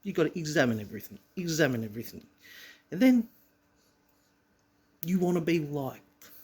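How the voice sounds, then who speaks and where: A man telling a personal story in an emphatic, profane, rough-edged way. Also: on the high side, animated, normal speed, darkish tone. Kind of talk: personal monologue.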